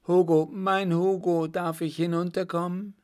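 A man's voice: high-pitched, flat delivery, a little slow, darkish tone, voice pushed up. A man voicing an anxious, loving young woman in a storybook reading. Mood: anxious, tender.

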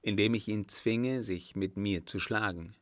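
A man voicing a courteous, proud young army lieutenant in a measured audiobook reading. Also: fairly low pitch, fairly bright tone, no echo, clean studio sound. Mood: earnest.

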